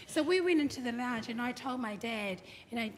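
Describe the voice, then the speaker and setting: At a family memorial service in a large hall, a woman gives a chatty, humorous eulogy for her father, acting out the things he said. Her voice is fairly high, animated and a little fast, and the hall echoes with faint background noise.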